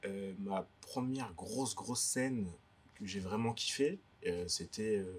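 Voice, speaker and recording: A young man from Guadeloupe speaks in a deep, slightly husky voice. He answers interview questions casually, hesitating often and restarting his sentences. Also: slow. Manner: hesitant, full of fillers and restarts. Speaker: DJ guest. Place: indoor cultural space in a bookstore.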